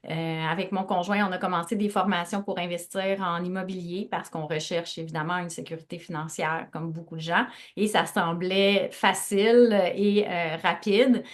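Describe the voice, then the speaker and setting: A woman's voice: fairly low pitch, steady tone, moderate pace, hardly any pauses. A woman in her forties from Lac-Saint-Jean with a Quebec French accent, a coach telling her story casually in an interview with many hesitations. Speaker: guest coach and speaker.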